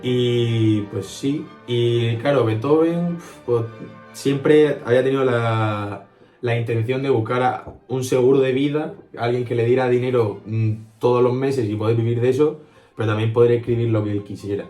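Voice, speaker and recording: A man's voice: medium pitch, normal speed, mellow, echoey room. A young man co-hosting a casual podcast about music history, agreeable and chatty. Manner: agreeable, keeps saying "claro" and "efectivamente". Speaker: podcast co-host.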